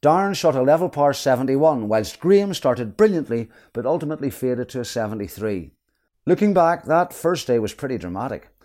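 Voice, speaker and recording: A man's voice: mid-range voice, sing-song, brisk, darkish tone. A man reading scripted narration for a sports documentary. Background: background music.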